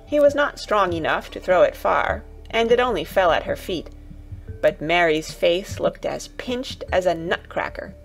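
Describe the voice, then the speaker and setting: A woman narrating a classic children's audiobook in a calm, even storytelling voice. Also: on the low side, a little slow, creaky, faint music behind, rough recording.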